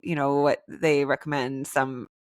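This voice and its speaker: A woman in her thirties co-hosting a podcast, chatting casually in a raspy, hoarse voice from a head cold. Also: a bass voice, flat delivery, unhurried, dry recording, clean studio sound. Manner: chatty, upbeat, rambling. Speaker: podcast co-host. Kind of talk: casual chat.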